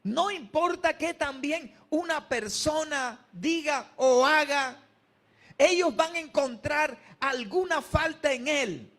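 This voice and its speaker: A man's voice: very high-pitched, slow pace, fairly bright tone. A male pastor preaching a sermon in an emphatic style, calling on the congregation to answer back. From Colombia.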